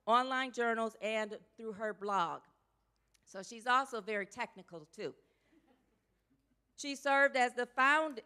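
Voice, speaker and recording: A woman minister introduces the guest speaker to her congregation. Her voice is bright and forward, with a smooth, clear tone. She talks in a chatty, emotional way and drops casual asides to the congregation. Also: fairly high pitch. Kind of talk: church introduction speech. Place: church sanctuary.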